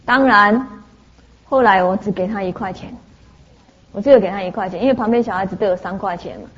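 This Buddhist teacher is a woman with a mid-range voice who talks briskly, recorded in lo-fi sound. Her sermon unfolds through lively anecdotes, and she fills the gaps with plenty of "ah"s.

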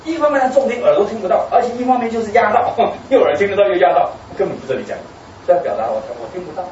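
Lively, fast-talking man telling a Dharma story. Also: sits high, slight background noise. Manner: animated storytelling with acted quotes and laughter. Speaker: Buddhist lay teacher giving a talk. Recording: distant, echoey, dull recording.

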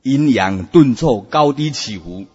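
Animated husky preacher. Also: male voice, medium pitch. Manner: animated, emphatic, drawn-out particles. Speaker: Buddhist preacher. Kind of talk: sermon. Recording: dull, echoey hall sound.

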